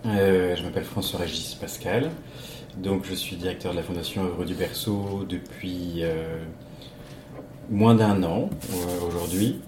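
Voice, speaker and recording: A man's voice: low-pitched, fairly even intonation, measured pace. A man in his thirties, a foundation director, introducing himself in a radio interview with hesitant speech full of fillers. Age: 30s. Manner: hesitant, many fillers and restarts. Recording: echoey noisy room.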